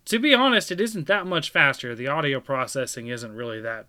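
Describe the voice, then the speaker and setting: A man's voice: medium pitch, expressive, a little fast, bright, forceful tone, clean tone. A man hosting a casual gaming podcast, chatting in an informal, conversational way. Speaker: podcast host.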